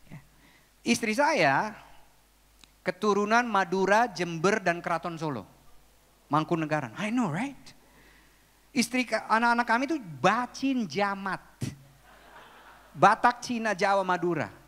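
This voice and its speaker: High-voiced male pastor in a hall. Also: unhurried, long pauses. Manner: lively, humorous storytelling. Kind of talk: sermon. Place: church auditorium. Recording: long reverb of a large hall.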